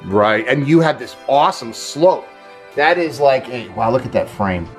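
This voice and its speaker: A man's voice: mid-range voice, animated, music in the background. A middle-aged man hosting a backyard tour, gushing with compliments and laughing as he asks questions. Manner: enthusiastic, quick compliments, lots of laughter. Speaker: host. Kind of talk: enthusiastic home-tour vlog. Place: house and backyard, outdoors.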